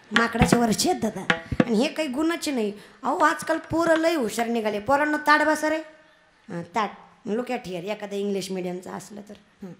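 A woman's voice: high-pitched, fairly bright tone. A young woman preaching a devotional kirtan sermon, teasing and scolding the crowd. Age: young adult. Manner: scolding, teasing, calls out to the audience.

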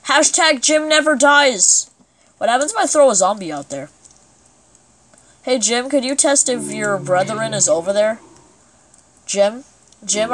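A woman giving let's play commentary as she plays, excitable and breaking into sudden exclamations. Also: mid-range voice. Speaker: gamer.

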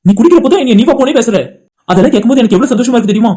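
A woman's voice: fairly high pitch, expressive, very fast, warm tone, natural voice. A woman voicing a kind, forgiving elder brother. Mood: affectionate. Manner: soothing, reassuring. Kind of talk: animated cartoon drama voice acting.

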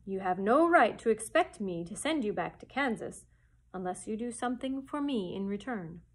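A woman voicing the great head of a stern male wizard, loud and commanding. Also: medium pitch, animated, normal speed, close to an everyday voice.

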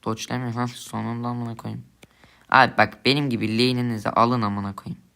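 A man's voice: medium pitch, level tone, brisk, vocal fry, sharp tone. A young man giving angry gameplay commentary, swearing and ranting at his teammates in frustration. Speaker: gamer streamer.

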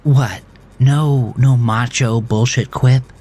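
A man's voice: fairly low pitch, big pitch swings, slow, darkish tone, breathy edge, soft background music, full character voice. A man voicing a confrontational woman at a gym, scornful and accusing, in an audio drama. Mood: mocking.

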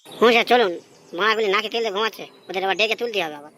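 A woman voicing a forgetful, eager-to-please male police officer in a comedy cartoon, with quick, deferential replies. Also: medium pitch, a bit bright, lightly acted. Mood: obliging. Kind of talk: cartoon voice acting.

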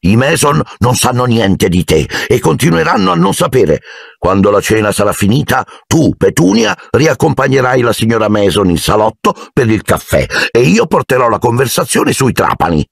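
A man's voice: medium pitch, sing-song, moderate pace, vocal fry, breathy edge, dry recording, clean studio sound, voice pushed up, heavily acted. A man voicing a pompous, sour middle-aged uncle in a storybook reading.

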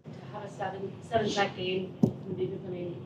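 A woman reporter puts a question across the room in a friendly, conversational tone. She sounds distant and echoey, and loud noise sits behind her voice. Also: medium pitch, flat delivery, a little fast. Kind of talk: press conference question.

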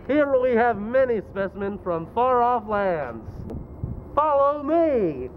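A man's voice: very high voice, very animated, takes it slowly, heavily acted. A young man playing a breezy, unbothered zoo tour guide, presenting an amateur mock commercial outdoors. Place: outdoors at a park, camera a few meters away. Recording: tinny, very noisy outdoor camera audio.

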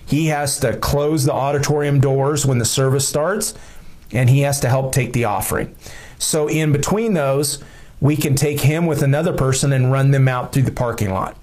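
A middle-aged man talks through church security tips in an easy, conversational way, often dropping in filler words. He sits close to the camera in a small room indoors, and his voice sits at an ordinary, mid-range pitch. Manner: relaxed and plain-spoken, leans on "you know" fillers.

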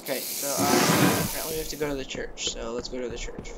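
A man's voice: mid-range voice, fairly even intonation, quick pace, vocal fry, heavy background noise. A man casually commenting on a platform game he is playing, hesitant and full of ums and restarts. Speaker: gamer. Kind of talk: casual let's play commentary. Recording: loud game music behind. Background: loud game music.

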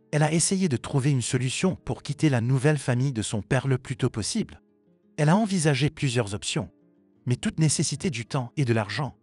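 A man narrating a scripted family drama story in an even, steady reading voice. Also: mid-range voice. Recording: dry with faint music behind.

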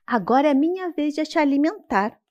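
A woman's voice: high voice, lively intonation, a little fast, darkish tone, dull audio, voice pushed up. A Brazilian woman voicing a mocking, talkative female turtle in a storybook tale, with a Brazilian Portuguese accent. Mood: teasing. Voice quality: teasing, mocking. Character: cheeky talking singing female turtle.

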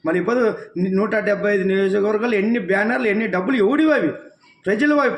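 Fast, high-pitched scolding man. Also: echoey room, a little hiss or hum. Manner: scolding, rhetorical questions, addresses listener as nuvvu. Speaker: devotional channel speaker. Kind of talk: impassioned political rant.

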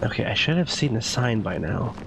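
Fairly quick and animated, this man in his thirties streams a horror game with a lowish voice, commenting live in a casual, jittery way and cursing freely. Game ambience sits clearly in the background.

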